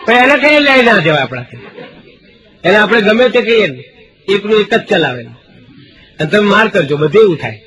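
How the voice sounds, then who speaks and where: A man telling comic stories on stage in a Kathiawadi Gujarati accent, dropping into hushed voices when he quotes people. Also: high voice, very animated, moderate pace, long pauses, rough recording. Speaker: stand-up comedian. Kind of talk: Gujarati folk stand-up storytelling.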